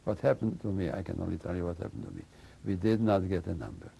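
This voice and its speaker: An older man speaks in a low, gravelly voice with a dark, husky tone. He gives oral history testimony, halting and searching for his words. He keeps adding "you know" as he goes. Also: sing-song. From Slovakia and Hungary. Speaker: interviewee recounting memories.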